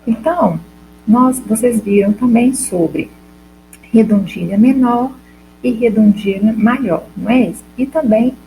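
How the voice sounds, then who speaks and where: A Brazilian woman teacher talks through a recorded school lesson in a relaxed, mellow voice. She keeps asking the class questions and answering them herself, patient and explanatory. A faint hum sits under the recording. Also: on the high side, measured pace, poor audio. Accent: Brazilian Portuguese.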